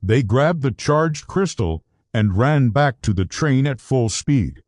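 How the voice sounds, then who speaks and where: Lively male storybook narrator. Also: mid-range voice, slow pace, no room sound, studio quality. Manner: animated, storybook delivery. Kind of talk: scripted children's story narration.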